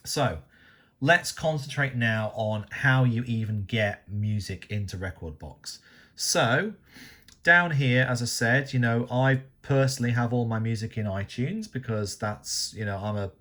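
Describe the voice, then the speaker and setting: A man casually walking through a DJ software tutorial, chatty and rambling, with frequent "you know" and "okay?" asides. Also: medium pitch, measured pace. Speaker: DJ tutorial host.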